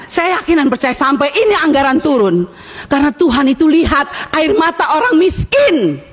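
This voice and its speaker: A woman member of parliament giving an impassioned, indignant speech at a hearing, scolding officials and raising her voice. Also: high voice.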